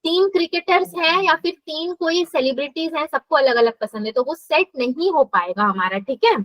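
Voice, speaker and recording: High-voiced woman teaching math. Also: normal speed, fairly bright tone, no echo, low-quality recording. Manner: mixes English terms into explanations, asks students questions. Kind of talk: live online class lecture.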